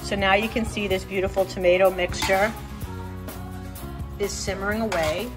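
In a casual cooking demo set in her indoor home kitchen, a middle-aged host explains a recipe step by step amid music and the sizzle of frying. Her voice holds a steady tone at medium pitch and normal speed.

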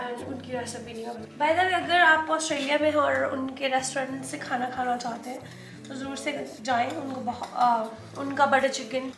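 High-voiced chatty woman in echoey kitchen. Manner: chatty, mixing in English words. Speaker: cooking vlogger. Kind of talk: casual cooking vlog chat. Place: home kitchen, indoors. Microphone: camera across the kitchen.

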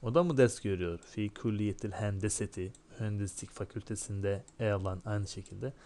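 A man's voice: fairly low pitch, normal speed, dark tone. A man teaching a recorded lesson, explaining and translating line by line and asking and answering his own questions, with dry classroom jokes. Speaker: Arabic teacher.

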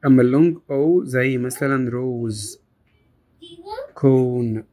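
A woman with an Egyptian Arabic accent teaching an English phonics lesson to children, repeating each example word slowly. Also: very deep voice, warm tone, a little hiss or hum. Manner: slow, drawn-out word repetition.

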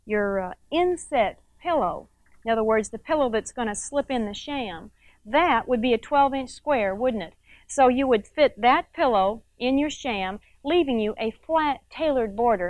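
A woman's voice: a little high, no room sound, low-quality recording. A middle-aged woman hosting a quilting show, demonstrating step by step in a chatty way with frequent tag questions to the viewer. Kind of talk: instructional TV demonstration.

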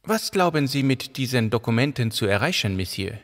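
A man voicing a calm, sharp-minded woman investigator in an audiobook, asking questions in a measured way. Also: mid-range voice, big-room sound, lightly acted. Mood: cool.

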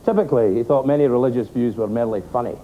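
A man's voice: medium pitch, very fast, narrow, tinny audio, slight background noise. A man narrating a story in a dry, wry way.

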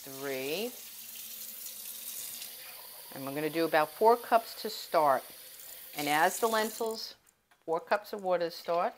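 A home cooking vlogger gives a relaxed demonstration in her kitchen, rambling and confiding in those watching. Her pitch is fairly low. The audio quality is poor, with a little background noise.

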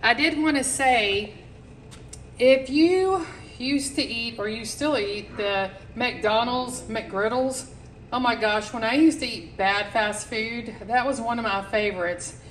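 A home cooking channel host takes it slowly as she talks her viewers through a recipe in her kitchen, keeping it casual and step by step. Her voice sits on the high side, and the rough recording picks up slight hiss or hum.

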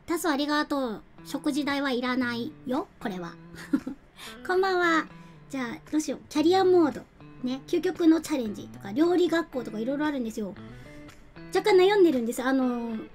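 Young woman streamer, high voice, giggly and chatty, light lilt, faint music behind. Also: a little mellow. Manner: chatty, giggly, reads out and thanks viewers. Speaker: game streamer. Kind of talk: casual live-stream chat.

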